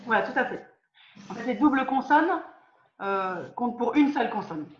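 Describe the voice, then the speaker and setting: A woman leads an online lesson on a video call, her voice sitting a little high. She quizzes her students patiently, often restarting or repeating a phrase. The sound is roomy and dull, like lo-fi call audio. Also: lively intonation, moderate pace, a little hiss or hum. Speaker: teacher.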